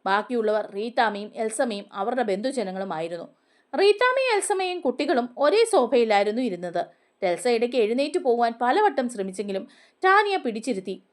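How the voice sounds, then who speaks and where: A woman narrating a TV serial as a story, with a steady, expressive reading. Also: fairly high pitch, brisk.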